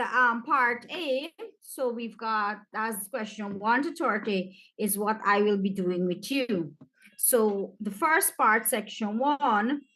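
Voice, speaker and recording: A woman with a Caribbean accent takes her students through a practice exam, speaking to them directly. She talks at an unhurried, slow pace in a slightly high voice. Her manner is relaxed and chatty. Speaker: teacher.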